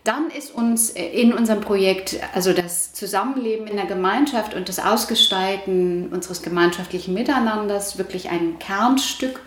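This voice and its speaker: An Iranian-born woman in her forties, a resident of a housing project, answers interview questions thoughtfully, pausing and restarting often. Her voice is medium in pitch, and the recording has a roomy echo.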